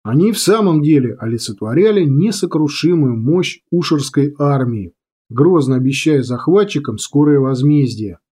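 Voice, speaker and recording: A man reading a military adventure novel aloud as narrator, telling it dramatically and slowing on key lines. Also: on the high side, animated, dark tone, husky. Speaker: audiobook narrator. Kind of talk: scripted narration.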